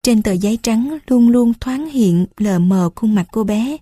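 A woman narrating a first-person story aloud in an unhurried, gentle reading. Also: on the high side, expressive, husky, dry recording, clean studio sound. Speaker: audiobook narrator.

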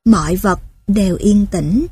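A woman reading a story aloud in steady, measured scripted narration. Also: medium pitch, slightly rough.

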